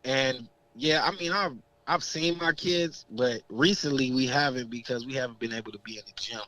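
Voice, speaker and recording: A young man calling in to a radio show, a coach talking in a laid-back, halting way. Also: mid-range voice, pushed and bright, dry recording, low-quality recording. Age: young adult. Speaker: caller, high school coach. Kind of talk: casual phone-in chat.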